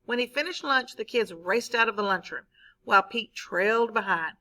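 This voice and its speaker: A woman's voice: fairly high pitch, normal speed, poor audio. A woman teacher, reading a story aloud to her class and stopping to ask questions. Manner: expressive, asks the class questions.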